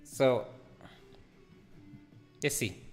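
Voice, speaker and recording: Speaking very slowly into a headset mic, a man in his thirties runs a live 3D art stream with soft music in the background. It's a casual tutorial: he muses aloud with plenty of fillers and responds to chat as he goes.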